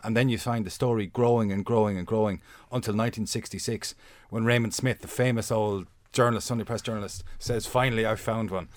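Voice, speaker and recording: A man with a fairly low voice, recorded dry and close. He tells history in a conversational, anecdotal style as a guest. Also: steady tone, fairly quick, dry recording. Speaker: interview guest telling history.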